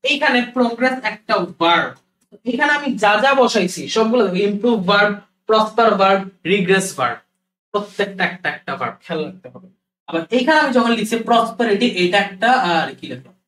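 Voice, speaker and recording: A man's voice: sits high, a bit bright. A young man giving a classroom lecture on word meanings, explaining step by step and often repeating key words. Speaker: English vocabulary teacher. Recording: roomy echo, voice from a distance.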